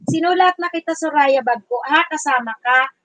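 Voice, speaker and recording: A teacher from the Bicol region hosting a casual livestream, loudly chatting and greeting viewers by name. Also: female voice, high voice, moderate pace, loud music behind the voice, rough recording. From Bicol region, Philippines.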